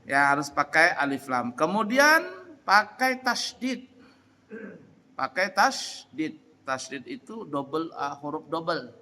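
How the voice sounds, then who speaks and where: A man teaching a class on prayer recitation, speaking slowly and repeating example phrases, checking whether his students understand. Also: fairly high pitch, sing-song, bright, forceful tone, in a large hall. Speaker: religious teacher. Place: large echoing hall at an Islamic boarding school.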